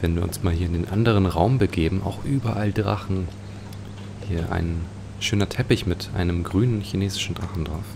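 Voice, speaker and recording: Brisk and low-pitched, with fairly even intonation, a let's play host offers casual commentary on a video game, thinking out loud about what's on screen. The home recording has clear noise.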